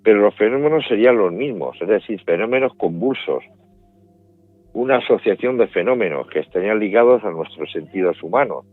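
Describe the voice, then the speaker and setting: A middle-aged man with a Spanish accent speaks in a low voice, laying out his ideas step by step and often restarting his phrases. He is heard through a dry, phone-like remote line with faint music underneath. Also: animated, no room sound. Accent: Spanish from Spain. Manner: measured, explains step by step with restarts. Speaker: paranormal investigator guest. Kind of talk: interview answers, explanatory.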